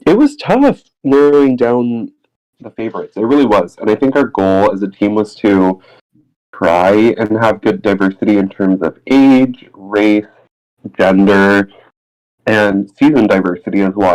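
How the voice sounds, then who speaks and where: Low-voiced man co-hosting a podcast. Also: darkish tone, poor audio. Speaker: podcast co-host. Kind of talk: casual podcast chat.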